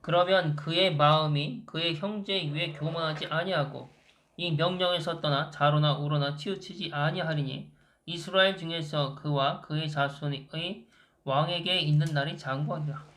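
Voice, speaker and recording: A man reads Bible verses aloud at a measured pace for a conversation partner. His voice sits a little higher than most men's. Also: steady tone, fairly bright tone. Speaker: co-host reading scripture. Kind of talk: scripture reading.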